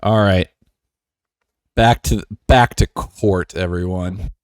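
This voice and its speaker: A man's voice: sits low, fairly even intonation, slow pace, darkish tone, no room sound, clean studio sound. A man streaming a game live, talking casually with a joking, self-assured, rambling manner.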